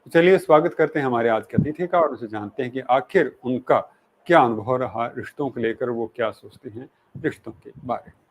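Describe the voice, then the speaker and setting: A man hosting an interview show, speaking in a measured, formal way and opening with a couplet of poetry. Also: mid-range voice, heavy background noise. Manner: measured, recites Urdu poetry, polite formal address. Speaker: interview host.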